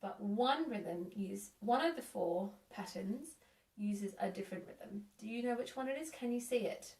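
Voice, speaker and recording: A woman teaching a music lesson for young children, counting in and praising warmly. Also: mid-range voice, lively intonation, moderate pace. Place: room at home. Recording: echoey room, a bit distant.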